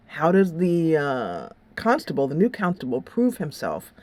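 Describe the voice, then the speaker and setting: Over background music, the gaming channel's host talks casually through a game review and her plans for an upcoming series, wandering a bit and adding dramatic rhetorical flourishes. Her voice is low-pitched and a little mellow, with huge pitch swings and a slightly slow pace.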